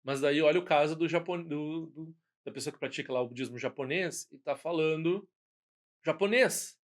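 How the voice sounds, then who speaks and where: A man's voice: on the high side, normal speed. Rambling Brazilian man teaching casually. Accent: Brazilian Portuguese. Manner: rambling, many restarts and "né?" tags. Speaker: Buddhist teacher. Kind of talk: informal spoken lesson.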